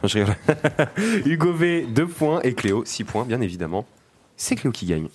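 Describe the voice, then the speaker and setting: A man co-hosting a radio show, teasing and quick with the banter while giving out quiz points. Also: medium pitch, very animated, faint music behind. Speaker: radio co-host.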